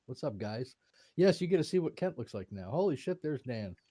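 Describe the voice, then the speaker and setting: A man's voice: medium pitch, very animated, a little fast, dark tone, dry recording. A man in his early fifties chatting casually as a live-stream co-host, jokey and playfully sarcastic. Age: early 50s. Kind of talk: casual joking chat.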